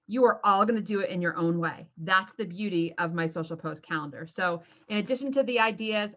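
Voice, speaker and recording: Chatty woman guest laughing easily, bright voice, kinda muffled lo-fi sound. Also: medium pitch. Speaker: guest, social media strategist. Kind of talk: podcast interview.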